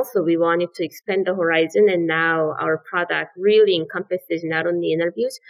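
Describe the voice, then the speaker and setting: This low-quality recording captures a South Korean woman, a startup founder, whose voice sits fairly low. She gives earnest explanations as a podcast guest, frequently saying "absolutely" and "so."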